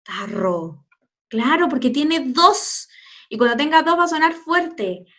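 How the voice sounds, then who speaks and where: A woman teacher with a Chilean Spanish accent, giving a children's phonics lesson with slow, drawn-out word demonstrations and playful asides. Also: high voice, expressive, a bit bright. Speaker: primary school teacher.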